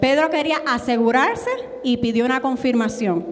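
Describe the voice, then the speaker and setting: Mujer predicando con énfasis, eco de sala. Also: female voice, moderate pace, big-room sound. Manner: earnest, emphatic, acts out quotes with rising pitch. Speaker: preacher. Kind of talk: sermon with Bible reading.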